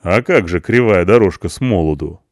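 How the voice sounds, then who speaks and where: A man voicing a calm, wry police officer who slowly dictates a report in formal wording. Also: low voice, no echo, studio quality. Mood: dictating.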